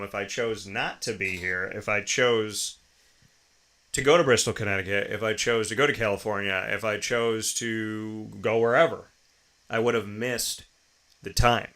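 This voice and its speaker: This American man in his thirties hosts a show and speaks at a measured pace in a fairly low, steady, sharp voice. His personal monologue is motivational and emphatic, full of repeated lines and rhetorical questions.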